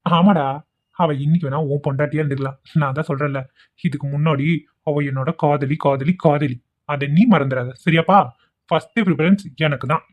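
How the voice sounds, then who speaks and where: Cartoon: scheming young man, theatrical pleader, high-ish voice, voiced by a man, lo-fi phone sound. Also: fairly even intonation, a little fast, close to an everyday voice. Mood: taunting. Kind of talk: amateur cartoon voice acting. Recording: tinny phone-like lo-fi audio.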